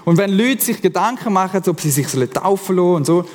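A man with a Swiss German accent preaching a casual, animated sermon as pastor. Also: high-pitched, brisk. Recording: long hall reverb.

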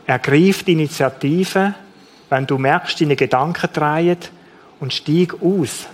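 Man, Swiss German accent, sermon, earnest, repeats phrases, fairly high voice. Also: unhurried, a little hiss or hum. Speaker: preacher.

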